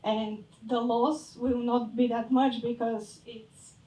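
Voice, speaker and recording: A young woman from Bulgaria presents her startup idea with a slightly high voice, often pausing to find her words. She sounds distant from the microphone. A big hall lends her voice a strong echo. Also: little pitch movement, warm tone. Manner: hesitant, searching for words, fades at phrase ends. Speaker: startup founder pitching. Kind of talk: pitch and Q&A answers. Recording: echoey hall from far off.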